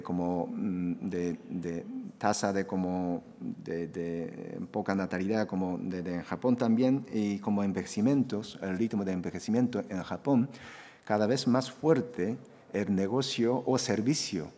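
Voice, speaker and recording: A man's voice: fairly low pitch, mellow. A middle-aged Japanese man with a Japanese accent speaking Spanish as a second language, giving a hesitant conference talk full of fillers and restarts at a panel table microphone. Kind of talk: conference presentation. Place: conference hall. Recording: echoey conference hall.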